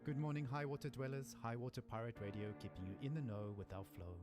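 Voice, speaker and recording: An actor playing a male pirate radio DJ in a game trailer, giving the news in smooth rhyming patter as a pirate radio broadcast. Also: medium pitch, fast talker. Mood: laid-back. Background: loud trailer music.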